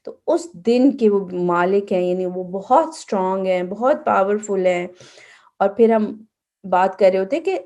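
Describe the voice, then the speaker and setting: A woman's voice: mid-range voice, expressive, darkish tone. A woman teaching children in an online class, patiently correcting their recitation and checking in with them often. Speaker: Quran and Seerah teacher for kids.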